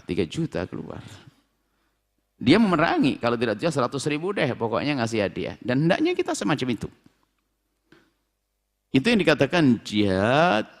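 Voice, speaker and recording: A man preaching a sermon, emphatic with drawn-out phrases. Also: mid-range voice. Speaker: Islamic preacher. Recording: long hall reverb.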